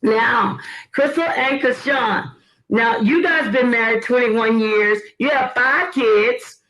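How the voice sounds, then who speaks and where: A woman's voice: on the high side, slow, a bit bright, poor audio. A woman hosting an online chat, asking guests questions in a familiar, slangy way. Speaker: host. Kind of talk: casual chat.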